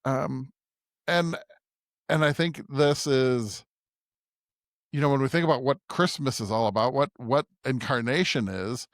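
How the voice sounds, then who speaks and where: Unhurried and pausing often, this co-host of a conversational Bible podcast reflects aloud in a mid-range voice, frequently tossing in a tag question to check in. The studio sound is clean, with no room sound.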